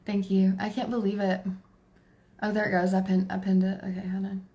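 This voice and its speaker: A woman's voice: mid-range voice, monotone, fairly quick, mellow. A woman in her forties with a Texan accent, hosting a casual tarot livestream, chatty and laughing as she talks to her viewers and to herself. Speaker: tarot reader livestream host.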